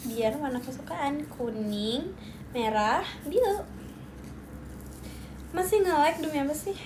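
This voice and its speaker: A high, girlish young woman chatting slowly and playfully with her viewers on a livestream. She giggles and teases, taking her time between remarks, with a faint hum of background noise behind her. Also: expressive. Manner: playful, giggly, reacting to comments. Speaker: livestream host. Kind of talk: casual livestream chat.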